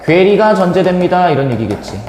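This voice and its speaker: A young male lecturer tells a story to his class in a lively, slangy way, his fairly high voice swinging widely in pitch. The classroom is echoey with a long reverb tail, and faint room noise sits underneath. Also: fairly quick. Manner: animated, slangy, acts out quoted voices. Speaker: Korean literature lecturer.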